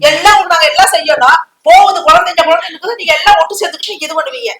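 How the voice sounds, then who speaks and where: A woman's voice: very high voice, racing, fairly bright tone, reverberant. An actress playing a bossy, argumentative older woman who scolds her housemates. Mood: weary.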